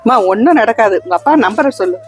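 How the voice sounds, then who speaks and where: Woman as caring kind auntie type, fast soothing talk, a bit high, light music. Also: sing-song. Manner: soothing, coaxing. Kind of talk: comedy skit acting.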